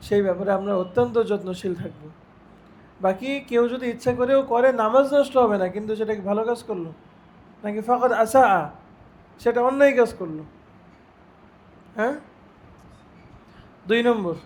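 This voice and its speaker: A man teaching a religious lesson, reciting Arabic phrases slowly and putting questions to his students. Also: high voice, slight background noise. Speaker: Islamic teacher.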